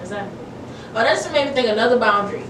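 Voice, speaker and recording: Woman, twenties, podcast host; playful, teasing, slightly high voice, distant mic in an echoey room. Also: animated, background noise. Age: 20s. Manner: playful, quick to laugh, teasing. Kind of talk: casual chat.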